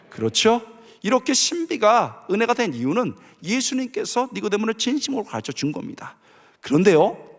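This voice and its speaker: A man's voice: high voice, long reverb tail. A middle-aged man preaching a sermon as pastor, telling family stories with animation and acting out their voices.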